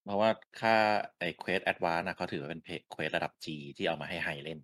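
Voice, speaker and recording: Deep-voiced man with blunt, wry delivery. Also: fairly bright tone, no room sound, studio quality. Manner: blunt, wry, slow and deliberate. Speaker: co-host of a gaming news show. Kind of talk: casual chat.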